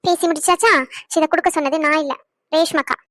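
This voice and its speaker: Woman doing a young cartoon girl sticking up for the kid, super high, talks fast. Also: fairly even intonation, no room sound, studio quality, natural voice. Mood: blunt. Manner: pleading, protective. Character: young woman caring for the boy.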